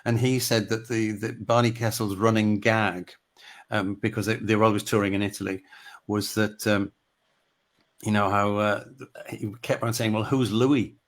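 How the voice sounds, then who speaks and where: A man's voice: lowish voice, level tone, normal speed. A man hosting a music talk show, listening, chipping in and telling his own anecdote. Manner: encouraging listener, laughs along, short affirmations. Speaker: radio show host. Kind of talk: conversational interview.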